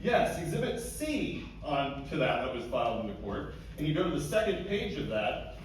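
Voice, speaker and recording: Echoey, higher-voiced man arguing like a lawyer. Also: sing-song, moderate pace. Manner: argumentative, emphatic, stumbles and repeats words. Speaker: attorney. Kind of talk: courtroom-style closing argument at a hearing. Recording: echoey room, distant mic, faint noise.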